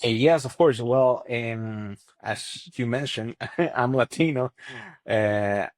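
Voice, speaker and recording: A Venezuelan man, a native Spanish speaker with a Venezuelan accent, appears as a podcast guest; he runs a language company and teaches. He talks conversationally and emphatically, often repeating himself, in a slow mid-range voice on a dry recording.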